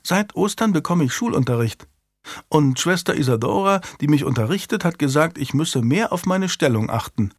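Brief: high-voiced proud little lady of five, put on by a male reader, prim and curious, storybook. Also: expressive, moderate pace, dry recording, clean studio sound. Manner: prim and precocious. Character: five-year-old noble girl, proud and curious.

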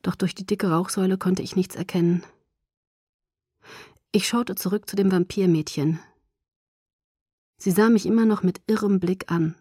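Mellow woman narrating an audiobook. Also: mid-range voice, fairly even intonation, moderate pace, pauses often, breathy edge, no echo, studio quality. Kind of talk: first-person audiobook narration.

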